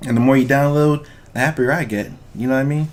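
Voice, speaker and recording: A man's voice: medium pitch, fairly even intonation, fast, a little mellow. A man hosting a casual podcast, informal and loose with language, speaking straight to his listeners. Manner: informal, profane, addresses listeners directly. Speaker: podcast host.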